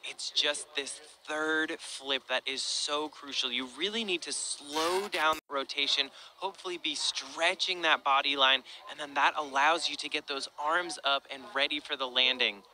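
Male analyst guy, super bright sharp voice, hyped up breaking down the technique. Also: on the high side, moderate pace, few pauses, rough recording. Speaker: expert analyst. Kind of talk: live sports color commentary.

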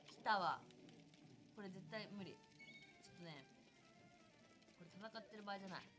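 Young woman streaming a game, chatty and excitable, bright sharp voice, faint game music behind. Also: medium pitch, moderate pace. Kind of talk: casual live gameplay commentary.

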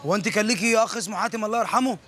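A man's voice: sits high, bright, forceful tone. An actor playing a boastful neighborhood man who dreams of fame as a singer, talking in Egyptian Arabic. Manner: rapid, bragging, chatty.

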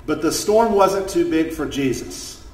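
A man, a pastor, telling a story at a children's chapel service, lively in the tale and soft and gentle in the prayers. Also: fairly high pitch, unhurried. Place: church chapel. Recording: echoey room, voice from far off the mic.

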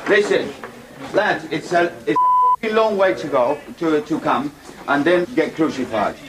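A man's voice: on the high side, measured pace. A man giving a team talk, exhorting with repeated phrases. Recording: distant mic, noisy surroundings.

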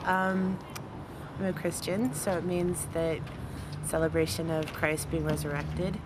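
A young woman in a street interview, speaking quietly and cheerfully outdoors. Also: sits low, flat delivery, measured pace. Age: young adult. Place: outdoors by a wall. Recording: clear street noise.

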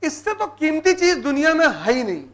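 Emphatic high-voiced Hindi-speaking teacher. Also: male voice, very animated, normal speed, a bit bright. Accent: Hindi, North Indian. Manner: emphatic, repeats key words, mixes in English terms. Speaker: civil services exam teacher. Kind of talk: motivational classroom lecture. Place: live classroom session.

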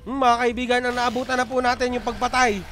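A man's voice: very high voice, flat delivery, fast talker. A young Filipino man co-casting a game, hyping and calling out to viewers. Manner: hyped, addresses viewers as friends, gives shoutouts. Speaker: esports caster. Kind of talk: casual play-by-play commentary.

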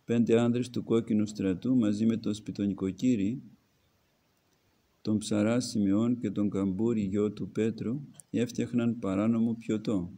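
An Orthodox archimandrite with a lowish, steady, dark-toned voice reads a book as a homily. He moves through the narrative, then breaks off to give his own commentary.

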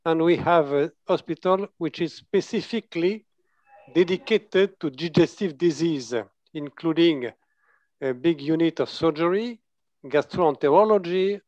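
A man's voice: a little high, no echo. A man from France with a French accent, a surgeon giving a conference case presentation in English and often stopping to restart his words. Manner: halting, self-correcting, searching for words. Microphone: video call. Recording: dull lo-fi video call audio.

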